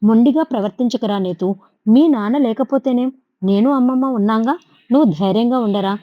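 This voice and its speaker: A woman's voice: a little high, a little fast, no echo, natural voice. Brief: woman reading firm, protective middle-aged father, storybook, dull dry sound. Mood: coaxing. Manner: firm, coaxing. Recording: dull lo-fi recording.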